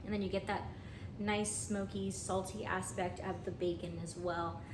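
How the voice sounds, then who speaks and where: A woman's voice: medium pitch, level tone, normal speed. Chatty woman in an echoey kitchen. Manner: chatty, friendly walkthrough with fillers. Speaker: home cook. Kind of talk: casual cooking vlog. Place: home kitchen. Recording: echoey room, voice from a distance, noisy.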